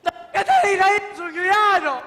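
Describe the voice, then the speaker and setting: A man with a Sicilian accent playing a panicked village man who shouts and cries for help, in an amateur staged sacred play. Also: extremely high pitch, wildly swooping pitch, full character voice. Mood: anguished. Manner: shouting, frantic, drawn-out cries. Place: theatre stage. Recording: echoey hall with faint noise.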